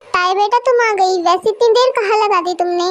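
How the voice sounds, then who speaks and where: A woman voicing a gentle single father in a fan story. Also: very high-pitched, fairly quick, no echo. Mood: affectionate. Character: caring single father, middle-aged man.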